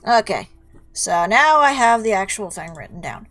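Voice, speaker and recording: Playful woman with lively, swooping pitch. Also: moderate pace, faint music behind. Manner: playful, wry banter with game characters. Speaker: video game player commentating. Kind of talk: casual let's play commentary.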